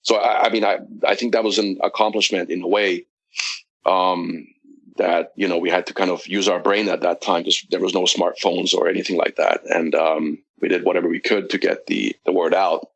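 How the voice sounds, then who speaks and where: A man's voice: low voice, flat delivery, moderate pace, creaky, poor audio. A man, a guest on a casual podcast, recounting at length with many fillers and restarts. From United States. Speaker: guest, wrestling promoter.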